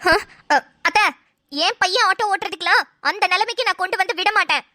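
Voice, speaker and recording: A woman's voice: very high voice, brisk, sharp tone, dry recording, clean studio sound. A woman voicing a sarcastic daughter-in-law who mocks her in-laws, in cartoon voice acting. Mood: chiding. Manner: sarcastic, mocking.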